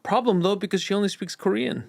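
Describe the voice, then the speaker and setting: A man's voice: sits high, quick pace, creaky, very noisy. A man from Greece, a guest in a casual podcast chat, explaining things and teasing the others.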